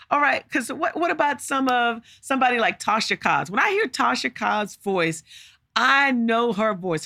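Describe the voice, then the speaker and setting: Bright-voiced woman preaching. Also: on the high side, no room sound, studio quality. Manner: emphatic, repeats words, asks rhetorical questions. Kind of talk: podcast sermon teaching.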